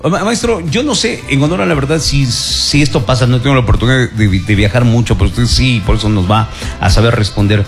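An Ecuadorian man hosting a lively radio show in a studio, with big announcer-like swings in pitch. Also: brisk. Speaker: radio host. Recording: radio studio with music behind.

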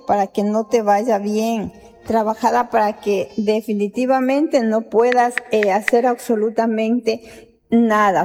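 An Ecuadorian woman with an Ecuadorian Spanish accent speaks as a healer, insistent and persuasive, piling up repeated phrases. Her voice sits slightly high. The sound carries a long reverb tail, with faint music underneath. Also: a little mellow. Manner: persuasive, insistent, repetitive listing. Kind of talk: promotional broadcast address.

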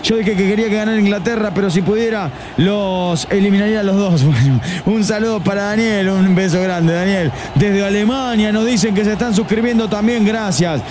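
Against a noisy background, a high-pitched Argentine man calls a football match live and fast for an online stream in his Argentine Spanish accent. Between plays, he reads viewers' messages aloud.

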